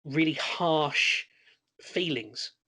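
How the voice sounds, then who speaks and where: A man's voice: a little high, very slow, pushed and bright, slightly rough. Hesitant man talking on a podcast. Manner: hesitant, many fillers and restarts. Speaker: podcast co-host. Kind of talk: casual horror podcast chat.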